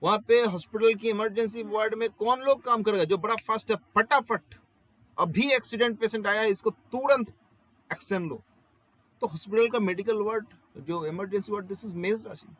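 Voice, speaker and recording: In a classroom astrology lecture, a Bengali-accented man speaks Hindi sprinkled with English, using rhetorical questions and ordinary examples to make his points. He has a high, fairly bright voice, talks fairly quickly, and the audio is rough.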